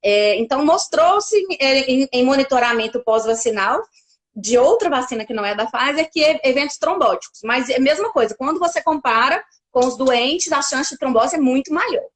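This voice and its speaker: A woman's voice: high-pitched, expressive, normal speed. A woman from Brazil, a pediatric doctor, explaining things carefully in a casual interview, with many fillers and restarts.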